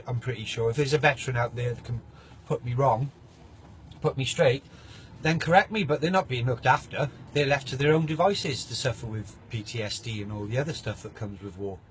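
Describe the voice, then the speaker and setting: A man's voice: medium pitch, fairly quick, a little hiss or hum. A man vlogging casually, ranting in a mocking, opinionated way and sometimes talking with his mouth full.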